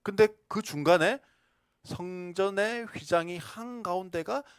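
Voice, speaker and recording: A male pastor preaching a sermon, asking the congregation questions and shifting between loud emphasis and soft whispers. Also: high voice, unhurried, clear, resonant tone, no room sound, studio quality. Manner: animated, swings from loud to whispered.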